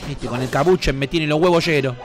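A man with an Argentine accent hosting a gaming channel, giving foul-mouthed let's play commentary and yelling insults at the game. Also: on the high side, fairly quick, faint music behind. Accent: Argentine Spanish.

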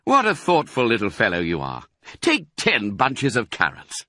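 A man's voice: medium pitch, huge pitch swings, normal speed, pushed and bright, no room sound, clean studio sound, full character voice. A man voicing a proud, bossy, exuberant father fox in a storybook, speaking theatrically and with relish. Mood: warm, organising. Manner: theatrical, exclamatory, relishing words.

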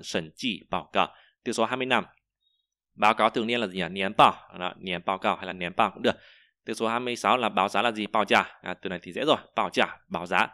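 Bright-voiced man teaching vocabulary. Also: lowish voice, dry recording, clean studio sound. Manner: thinks aloud, repeats each word with many fillers. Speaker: Chinese teacher. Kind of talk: vocabulary lesson.

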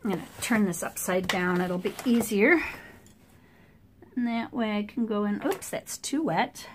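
A middle-aged woman, a watercolor artist, chatting in a relaxed way as she paints at a table indoors, picked up by an overhead camera mic. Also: medium pitch, a little slow, a little hiss or hum. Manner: relaxed, chatty running commentary. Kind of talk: thinking aloud while painting.

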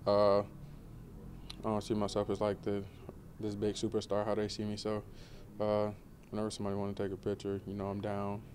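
Young man, low voice, flat monotone delivery, relaxed filler-heavy postgame answers, indoor media room. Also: a little fast, slight background noise. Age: 20s. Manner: laid-back, many fillers, relaxed. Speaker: college football player. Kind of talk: postgame press interview.

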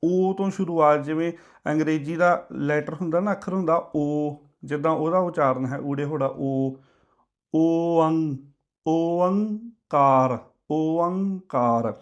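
Guy doing a recitation lesson, slightly high voice, stretches words out slow. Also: steady tone, muffled recording. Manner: slow drawn-out demonstration chanting. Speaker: Gurbani pronunciation teacher.

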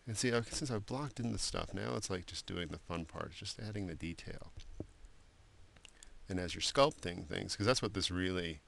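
Low gravelly man teaching a tutorial. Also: moderate pace, a little hiss or hum. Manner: relaxed, rambling, many fillers and restarts. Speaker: art instructor. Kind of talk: screen-recorded software tutorial.

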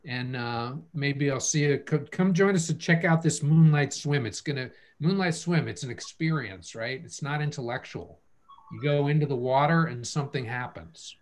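A man's voice: mid-range voice, normal speed. A man hosting an online program, talking casually and thinking aloud with restarts, over a video call. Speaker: host of an online family-studies program. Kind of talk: casual webinar talk.

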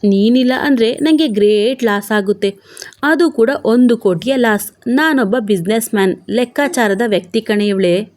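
Woman voicing Rush, a gruff teasing husband. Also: fairly high pitch, normal speed, a little mellow, lightly acted. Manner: mocking, scolding banter.

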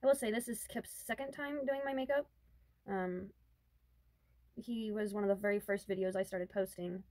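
A woman's voice: medium pitch, moderate pace, darkish tone, no room sound. A young woman vlogger telling a story in a chatty, giggly way. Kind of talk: casual chat.

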